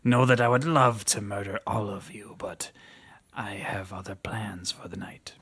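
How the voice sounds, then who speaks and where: A man's voice: mid-range voice, unhurried, creaky, fairly bright tone. A man playing a small, pompous, threatening kobold who poses as a mighty dragon in a tabletop role-play. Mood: menacing.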